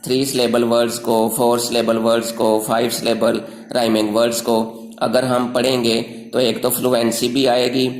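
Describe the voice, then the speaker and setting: A man teaching English rhyming words, reading word lists slowly and drawing out each word. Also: mid-range voice, level tone, reverberant, rough recording. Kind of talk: slow recorded grammar lecture.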